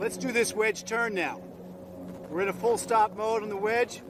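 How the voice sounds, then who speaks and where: A man's voice: sits high, fairly even intonation, moderate pace, background noise. A man working as a ski instructor, coaching informally and encouragingly in short instructions out on a slope. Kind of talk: ski lesson demonstrated on the slope.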